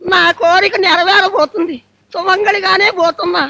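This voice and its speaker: An actress playing a deaf, frail ninety-one-year-old bride who mishears everything in a quavering voice. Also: female voice, very high voice, steady tone, moderate pace, sharp tone, heavily acted. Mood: fading. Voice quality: quavering, hard-of-hearing mishearing.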